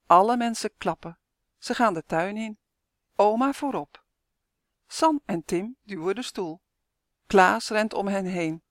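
A woman author reading her own children's storybook aloud, clear and expressive. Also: mid-range voice, measured pace, long pauses, no room sound, studio quality. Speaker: author and narrator.

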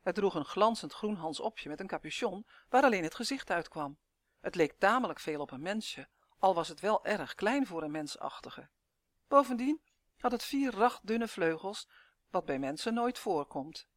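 A woman narrating a children's storybook in a clear, even, expressive reading voice. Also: medium pitch, normal speed, no room sound.

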